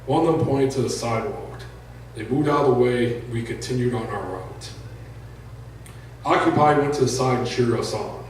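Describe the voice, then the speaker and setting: At an indoor live reading venue, an author reads his own first-person fiction aloud to the room at normal speed, raising his voice for shouted dialogue. His pitch falls in an average male range, and the distant recording is very reverberant with faint background noise.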